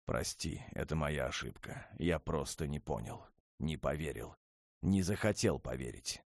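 A man voicing a commanding male dragon lord in an audiobook, speaking in a low, measured, restrained way. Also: expressive, vocal fry, no room sound, studio quality, heavily acted. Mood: calm.

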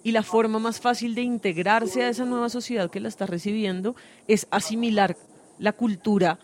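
A woman's voice: a little high, fairly even intonation, normal speed. A woman hosting a conversational radio interview, explaining her thoughts at length with many hesitations. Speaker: host.

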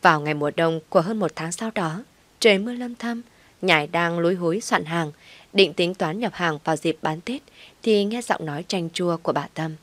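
A woman reading a scripted audio story in a steady, gentle storytelling manner. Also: lowish voice, normal speed, dry recording.

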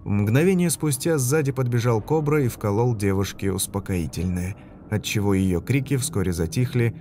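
A man reading a story aloud in an even, measured narration. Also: on the low side, slight background noise. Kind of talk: audiobook narration.

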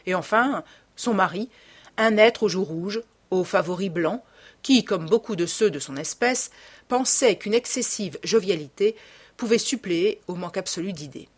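A woman reading a classic novel aloud as audiobook narrator, with expressive literary phrasing. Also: mid-range voice, normal speed, husky. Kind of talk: scripted narration.

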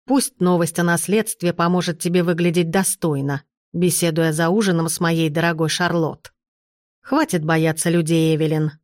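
A woman voicing an elderly duchess grandmother, imperious and sharp-tongued, who talks in slow, commanding, clipped phrases. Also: lowish voice, no room sound, clean studio sound, lightly acted. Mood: stern.

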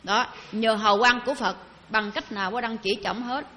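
A woman's voice: a little high, fairly quick, sharp tone. A woman giving a Buddhist dharma talk, chatting with her audience and asking them questions. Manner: conversational, asks the audience questions. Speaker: Buddhist teacher. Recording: long hall reverb.

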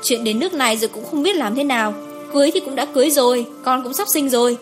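Lady putting on a grumpy half-asleep girlfriend, blunt then soothing, highish voice, soft music behind. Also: fast talker, close to an everyday voice. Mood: placating. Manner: brusque, complaining, placating. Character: blunt sleepy young woman friend, grumbling.

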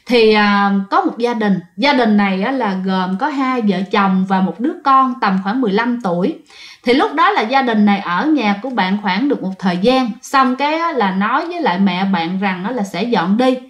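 A woman with a Southern Vietnamese accent tells ghost stories in casual, chatty fashion, speaking straight to her listeners. Her voice is medium-pitched and expressive at a moderate pace, with a roomy, muffled sound.

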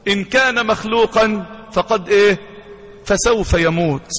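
A man with an Egyptian accent voicing a wise holy fool who weeps before a caliph, then speaks slowly and solemnly. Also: high voice, a bit bright. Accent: Egyptian Arabic. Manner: tearful, then slow and solemn. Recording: long hall reverb.

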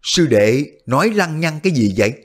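A portly, smooth-mannered schemer from a martial-arts storybook, as a man plays him, pleading in courteous, formal phrases. His voice is husky, and its pitch moves in lively swings. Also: moderate pace. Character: fat, outwardly gentle but crafty male martial artist.

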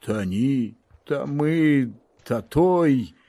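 A man's voice: medium pitch, lively intonation, extremely slow, mellow, heavily acted. A man voicing frightened, ragged male soldiers who stammer and talk nervously.

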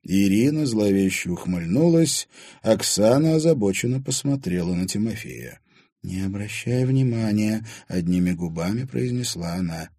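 A man with a fairly low, husky voice narrates an audiobook at normal speed, telling the story expressively.

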